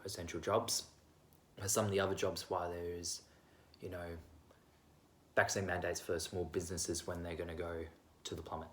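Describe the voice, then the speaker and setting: A young man talks straight to his own camera at home, sharing his views in a loose, wandering monologue. His voice sits a little low, and he is quick to poke fun at himself. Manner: rambling, self-deprecating, candid. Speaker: vlogger. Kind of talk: casual opinion monologue.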